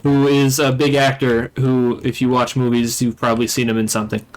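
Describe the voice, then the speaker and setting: A man's voice: mid-range voice, flat delivery, a little fast, rough recording. A man giving casual, conversational commentary as a let's play host. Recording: game noise behind the voice. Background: video game sound.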